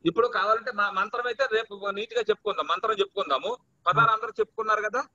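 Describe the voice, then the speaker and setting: A man teaching Vedic chanting in an online class, chanting slowly and talking fast between chants. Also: sits high, pushed and bright, no room sound, muffled recording. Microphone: video call.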